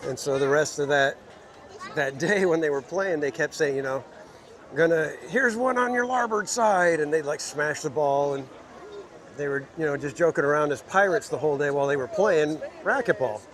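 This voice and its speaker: A man hosting a casual walking livestream in a theme park, chatting with viewers in a relaxed, rambling way. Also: on the high side, brisk. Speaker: livestream host. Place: outdoors in a busy theme park. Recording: loud outdoor park noise.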